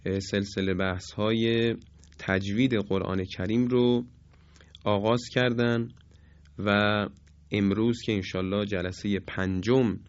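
A man giving a radio lesson as a Quran recitation teacher, speaking in a measured way with frequent hesitations and slowly drawing out the example words he recites. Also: on the low side, lo-fi sound.

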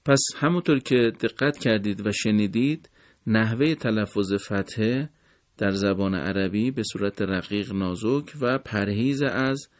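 A man teaching Quran recitation on a radio lesson programme, speaking in a formal, polite and measured way. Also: lowish voice, no echo.

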